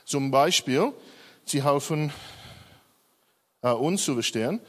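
A man's voice: fairly high pitch, expressive, slow, a bit bright, in a large hall. A middle-aged Australian man, a native English speaker, gives a hesitant personal testimony in a church service, full of fillers and self-corrections. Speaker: church member giving a testimony.

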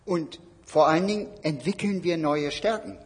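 A man with a very raspy, fairly high voice tells light, humorous anecdotes from married life. He is speaking in a large hall with a long reverb. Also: normal speed. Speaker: co-speaker, husband of the other speaker. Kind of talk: anecdotal talk to an audience.

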